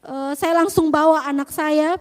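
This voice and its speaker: A woman giving a halting, earnest faith testimony, often quoting her own prayers. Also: sits high, steady tone, big-room sound.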